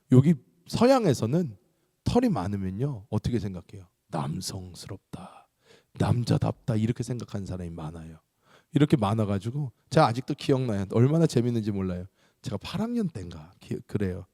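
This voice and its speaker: A man's voice: mid-range voice, studio quality. A male pastor preaching a sermon, telling stories and acting out the voices of the people in them. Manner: animated storytelling, acting out quoted voices. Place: large church sanctuary. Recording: reverberant church hall.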